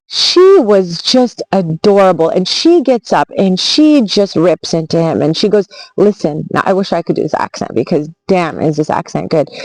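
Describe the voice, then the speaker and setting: A woman's voice: mid-range voice, darkish tone, no echo, poor audio. A woman travel vlogger telling a story in a casual, earnest, reflective way, often restarting her sentences.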